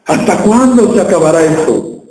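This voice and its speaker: A man's voice: sits high, lively intonation, moderate pace, a little mellow, slight background noise. A male pastor preaching a sermon to a church, often asking the congregation questions. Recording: echoey church hall.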